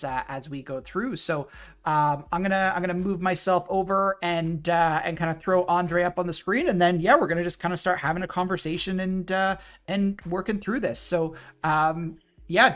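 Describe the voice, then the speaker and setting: A man's voice: high-pitched, a bit bright. Male livestream host, casual, rambling, filler-heavy.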